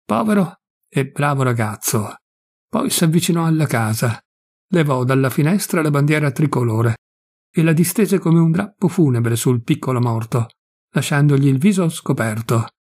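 A man reading a classic novel aloud in a measured, deliberate and solemn way. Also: on the high side, a little mellow. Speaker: audiobook reader. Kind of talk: scripted narration of a classic novel.

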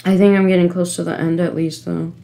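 A woman giving let's-play commentary from her home computer setup, frustrated, pleading with the game and breaking into sudden gasps and yells. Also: on the low side, flat delivery, brisk, gravelly. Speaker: gamer.

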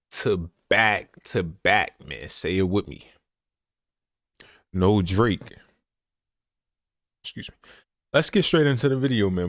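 A young man streaming a horror game, talking in a relaxed, slangy hype style and repeating his phrases. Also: lowish voice, no echo, studio quality. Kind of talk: casual live gameplay commentary.

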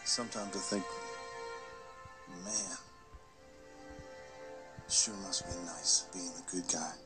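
Casting: lonely, good-hearted animated game bad guy, rambling and self-deprecating, full of wistful envy and admiration, over music. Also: low voice, slow. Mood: wistful jealous admiration. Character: big weary video game villain, lonely, self-pitying, good-hearted. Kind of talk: animated film dialogue and voice-over. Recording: film filmed off a screen, music behind.

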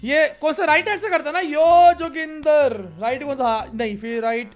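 An excitable young man with a strikingly high voice chats through a game in casual, joking commentary. He fires off phrases in quick bursts and repeats them, like a gaming YouTuber riffing for his viewers. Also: soft background music.

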